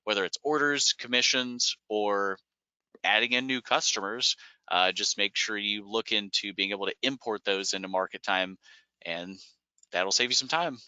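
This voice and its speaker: A man from a software company walking through product features in a webinar, explaining in a relaxed way with frequent "uh" and "um" fillers. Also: lowish voice, moderate pace, clear, resonant tone, no room sound, low-quality recording. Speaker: software company staff presenting product updates. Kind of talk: webinar screen-share walkthrough.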